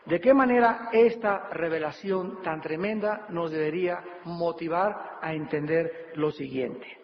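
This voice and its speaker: High-voiced preaching man, echoing hall. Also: a little slow, slight background noise. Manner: animated preaching, acting out pleading voices. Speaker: pastor. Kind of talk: sermon. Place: church or studio hall. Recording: dull reverberant hall recording.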